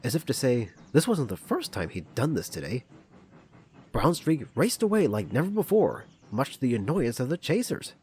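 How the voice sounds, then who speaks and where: A man's voice: mid-range voice, sing-song, normal speed, a little mellow, husky. A man narrating a parody of a children's train story in storybook style, with music behind him.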